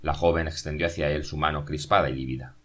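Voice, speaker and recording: A man narrating a novel as an audiobook, in a steady, measured reading. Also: extremely low pitch.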